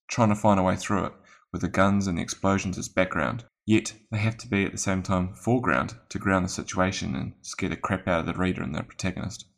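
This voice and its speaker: A man who writes, calmly explaining his craft in a measured way. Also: sits low, creaky. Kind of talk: reflective talk on writing.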